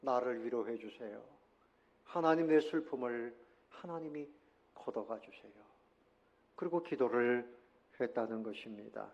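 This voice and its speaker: A male pastor delivering a sermon at a middle pitch, his voice rising to forceful exhortation and then dropping to near-hushed storytelling. He calls on the congregation to repeat after him. The recording is a little dull and lo-fi. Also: unhurried, vocal fry, pauses often. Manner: leads congregation in call-and-response.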